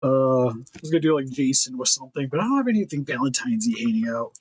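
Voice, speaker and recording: A man's voice: medium pitch, animated, fast talker, darkish tone, husky. A man talking casually to his viewers while he sculpts and glues a custom figure, thinking aloud as he works. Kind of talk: casual work-along chat.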